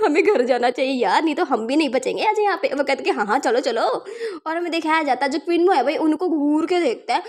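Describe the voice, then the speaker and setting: A high-pitched woman tells a comic's story in a loose, chatty way. She keeps talking straight to her listeners like friends. She slips into the characters' lines with small shifts of her own voice. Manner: chatty, keeps calling listeners yaar and bhai. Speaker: manhwa recap narrator. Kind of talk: casual story recap narration.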